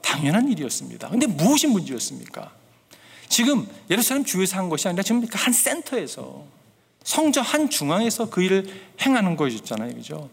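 A man's voice: high voice, sing-song, quick pace, gravelly, slightly rough, long reverb tail. A man preaching as a pastor. He speaks earnestly and keeps turning to the congregation with questions. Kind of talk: sermon.

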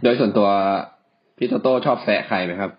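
A man's voice: fairly low pitch, a little fast. A man co-hosting a podcast, chatting casually with crude slang and frequent laughs. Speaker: podcast co-host. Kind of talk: casual chat. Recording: dull lo-fi sound.

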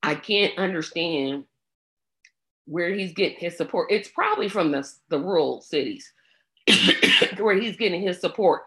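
A woman's voice: on the low side, a little slow, pauses often, fairly bright tone. A woman with a scratchy throat giving blunt, exasperated commentary on election results, with plenty of ums. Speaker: political commentator. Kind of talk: casual election-night commentary.

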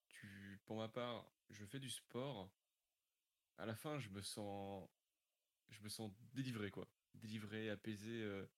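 A young man, a sound engineer, answering interview questions casually, thinking aloud with lots of hesitation. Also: on the low side.

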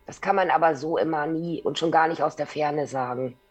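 Reflective, husky-voiced man. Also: a little high, brisk, faint music behind. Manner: reflective, weighs possibilities. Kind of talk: casual discussion.

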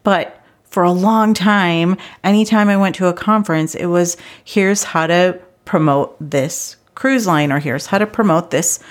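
A middle-aged woman hosting a solo podcast for travel agents, talking earnestly and with growing intensity before reining herself in. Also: on the low side. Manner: earnest and animated, gets intense then reins herself in. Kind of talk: casual solo podcast talk.

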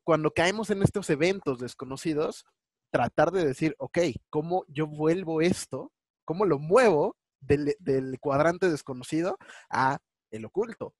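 A man in a casual conversation, reflecting out loud and working through examples. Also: a little high, no room sound.

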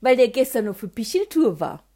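A woman's voice: on the high side, very animated, brisk, dark tone. A woman doing a mocking mum. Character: sharp-tongued smoking mother, mocking.

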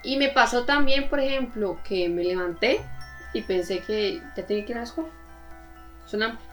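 A woman with a Costa Rican Spanish accent, co-hosting a podcast and telling stories in a lively, animated way. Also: fairly high pitch, a little fast, faint music behind. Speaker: podcast co-host. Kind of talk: casual chat.

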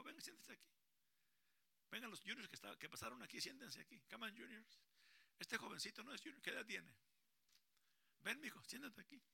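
A man preaching as a pastor at a church service, animated and calling on the children and congregation to repeat after him. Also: a little high, vocal fry, no room sound. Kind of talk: lively bilingual sermon to a congregation.

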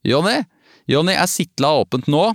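A man's voice: medium pitch, very animated, a bit bright, dry recording, studio quality, pitched above the performer's own voice. A man voicing a tipsy young woman who slurs and giggles in an audiobook. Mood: tipsy, giggly. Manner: slurred, giggly.

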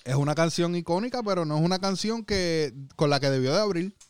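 A young Puerto Rican man co-hosting a casual podcast, his voice high and clean. He argues bluntly and teases with plenty of swearing. The sound is close and dry. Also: animated, fairly quick, smooth, no room sound. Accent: Puerto Rican Spanish. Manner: blunt, profane, teasing. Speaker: podcast host.

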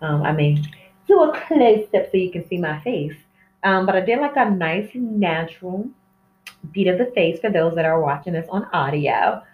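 A woman's voice: fairly low pitch, expressive, moderate pace. A woman hosting a casual, candid solo podcast, rambling and easily sidetracked, heard from a distance on a phone microphone. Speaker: podcast host. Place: indoor room with plants. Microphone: cell phone set away from her, distant. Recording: echoey room, distant phone mic, dull sound.

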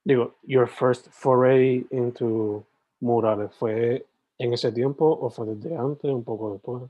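A man with a mid-pitched voice hosts a casual interview in Spanglish, sliding English phrases into his Spanish questions. The recording is a little dull and lo-fi. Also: fairly even intonation, slow. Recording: slightly dull, lo-fi sound.

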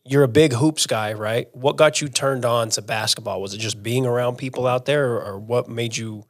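A man's voice: medium pitch, steady tone, normal speed, no room sound, studio quality. An American man with a mid-range voice hosts a podcast interview. He keeps it casual and slangy, like talk between friends. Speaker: podcast host.

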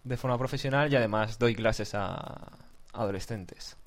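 A man's voice: lowish voice, normal speed. A man being interviewed in a casual chat, answering in a laid-back, self-deprecating way. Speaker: guest.

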